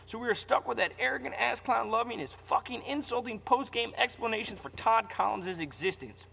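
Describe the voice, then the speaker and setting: A man's voice: very high-pitched, a little fast, creaky, bright, forceful tone, breathy edge, long reverb tail. A man delivering a furious, profane scripted rant. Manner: angry, profane, ranting. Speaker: ranting commentator.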